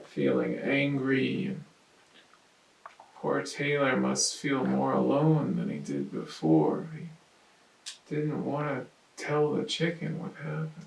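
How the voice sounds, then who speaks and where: Male storytime reader, very slow and lively, gravelly, roomy far-off sound. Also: mid-range voice. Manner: describes the pictures, animated. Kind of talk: children's picture book reading. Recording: roomy, distant mic, faint noise.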